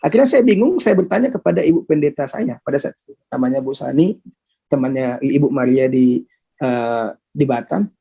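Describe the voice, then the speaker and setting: A man from Indonesia giving a personal testimony, earnest and halting, often repeating and restarting his words. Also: medium pitch, animated, vocal fry, warm tone, husky. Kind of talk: personal testimony, casual storytelling. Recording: muffled lo-fi recording.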